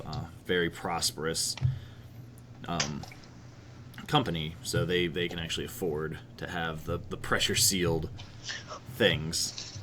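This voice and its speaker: A man's voice: deep voice, fairly bright tone, slight background noise. A man narrating a tabletop role-playing game as game master, rambling and hesitant with frequent fillers.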